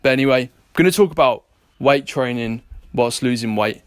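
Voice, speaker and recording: A man's voice: medium pitch, brisk, clean tone. Blunt, sweary British man vlogging. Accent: British English. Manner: blunt, sweary and jokey, talking straight to viewers. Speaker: vlogger and personal trainer. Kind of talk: casual vlog chat. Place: gym, indoors.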